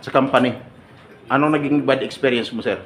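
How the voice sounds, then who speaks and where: A man leading a seminar for departing overseas workers, joking and firing quick questions at his audience. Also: medium pitch, a bit bright. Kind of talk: lively seminar talk to an audience. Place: large hall with an audience. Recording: echoey hall, mic far off, noisy.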